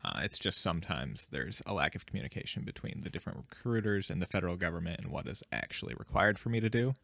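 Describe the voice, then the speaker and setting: A man's voice: low-pitched, animated, fast talker, gravelly, sharp tone, no echo. A man chatting casually on a podcast, feeling his way through sentences in an informal, hesitant way. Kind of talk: casual chat.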